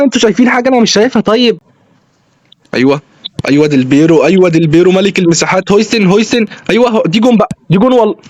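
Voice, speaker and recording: An Egyptian man in his twenties talks over his football game at a rapid clip, his voice sitting a little high. He cheers, pleads and bickers with the game as he plays. The recording is dry and close, with no room sound. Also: dry recording. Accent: Egyptian Arabic. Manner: excitable, shouting at the game, mock-arguing with it. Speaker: gaming YouTuber. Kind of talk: live gameplay commentary.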